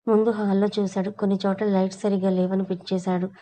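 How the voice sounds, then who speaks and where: A woman tells a domestic story in a steady, even voice, reading every character's dialogue without much change in tone. Her voice sounds mellow and soft-edged, with little rise and fall. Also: mid-range voice, fast talker. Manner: reads all characters in a plain voice. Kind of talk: scripted story narration.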